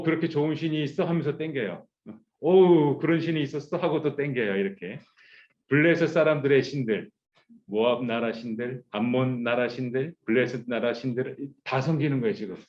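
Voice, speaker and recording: Korean pastor preaching to youth, lively. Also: male voice, medium pitch, dull audio. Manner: animated, acting out quoted voices, leading group reading. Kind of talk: youth sermon.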